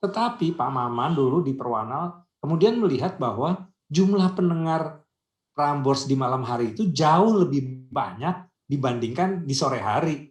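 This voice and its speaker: In an echoey room, a medium-pitched male guest on a radio-industry video call chats casually and conversationally. He explains things with anecdotes and rhetorical questions.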